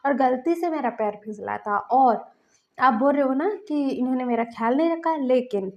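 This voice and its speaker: A woman voicing a gentle young male doctor who softly reassures his worried elder brother. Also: sits high, normal speed, muffled recording. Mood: soothing. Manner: soft, pleading, reassuring.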